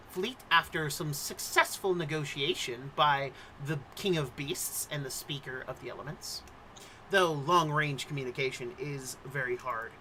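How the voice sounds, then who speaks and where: Male game master, theatrical storytelling, bright tone, faint background noise. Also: on the high side, poor audio. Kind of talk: introducing and narrating a tabletop game.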